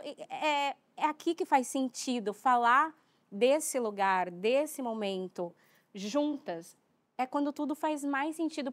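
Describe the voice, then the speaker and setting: A woman's voice: high voice, a bit bright, dry recording. A Brazilian woman in her forties, a talk show guest, speaking in a thoughtful, nostalgic way. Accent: Brazilian Portuguese. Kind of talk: reflective conversation.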